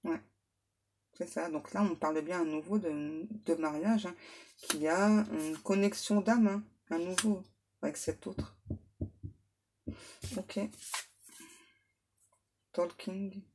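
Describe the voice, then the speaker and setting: A woman medium giving a relaxed tarot reading to her viewers, reassuring them and tacking little asides onto her sentences. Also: on the low side, slight background noise. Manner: unhurried, reassuring, full of little "hein" and "ouais" asides; reads English card names aloud. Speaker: medium doing card readings.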